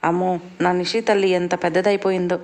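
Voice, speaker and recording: A gentle, caring mother speaks in a soft, reassuring tone, as a woman storyteller puts her on. Her voice stays level, with little rise or fall. She sounds affectionate and steady. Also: on the low side, brisk, creaky.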